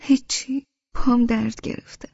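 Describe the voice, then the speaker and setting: Audiobook: a pouty young woman, voiced by the reader, husky voice, dull dry sound. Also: fairly high pitch, steady tone, a little mellow, no echo, voice pushed up. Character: young woman, sulky, tearful, sensitive.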